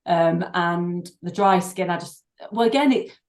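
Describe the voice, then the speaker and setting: A middle-aged woman who works as a doctor and breathing therapist talks in a podcast interview, her pitch fairly low. She's thoughtful but halting, full of fillers and restarts, and the room sounds echoey.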